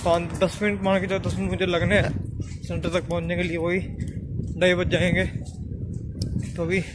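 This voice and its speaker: Young man, casual daily vlogger, higher pitch, steady and flat, light background hiss. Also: normal speed. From Haryana, India. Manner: chatty running commentary to camera. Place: kitchen, then outdoors on streets. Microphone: phone at arm's length.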